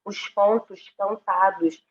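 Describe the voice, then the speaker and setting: A woman's voice: medium pitch, steady tone, takes it slowly, lo-fi sound. A woman with a Brazilian accent giving an online class lecture over a headset mic whose sound is distorted and clipping, often checking in with her listeners as she explains. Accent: Brazilian Portuguese. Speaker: religious studies teacher.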